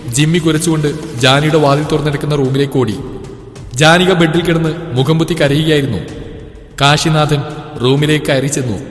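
A man narrating a dramatic story in a steady storytelling way. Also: fairly high pitch. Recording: echoey room with reverb, faint music.

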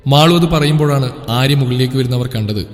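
A man reading a romance story aloud in a steady, descriptive way. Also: mid-range voice, a little fast. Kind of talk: scripted narration of a romance story. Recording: echoey room with background music.

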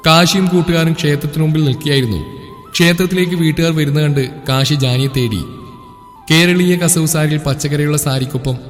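A man reading a romance story aloud in a steady, descriptive way. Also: a little high, a little fast. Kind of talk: scripted narration of a romance story. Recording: echoey room with background music.

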